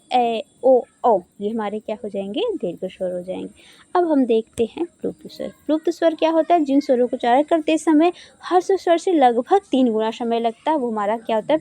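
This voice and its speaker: A woman's voice: high voice, mellow. A woman teaching an exam-prep grammar lesson. She asks questions and answers them herself, and stretches out sounds to show them. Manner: asks and answers her own questions, drawls sounds to demonstrate.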